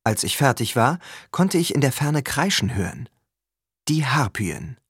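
A man reading a first-person story aloud as an audiobook, with expressive, lively storytelling. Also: mid-range voice, a little slow, breathy edge, no room sound, clean studio sound. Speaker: audiobook reader.

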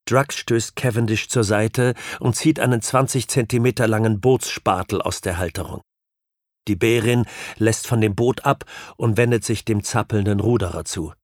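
A man reading a novel aloud as an audiobook narrator, in measured, even storytelling. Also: lowish voice, no echo, clean studio sound. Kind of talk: scripted literary narration.

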